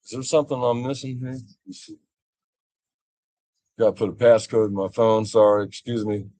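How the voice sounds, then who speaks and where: A man's voice: lowish voice, steady tone, normal speed, dark tone, no room sound. An older man, chatting casually on a livestream and telling rambling stories with chuckles. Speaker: vlogger.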